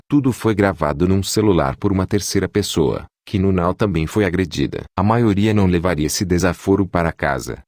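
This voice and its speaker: A man with a very low, deep voice reads audiobook narration in a steady, assertive manner. He sounds close to the microphone. The recording is dry, with no room echo. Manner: steady, assertive motivational delivery.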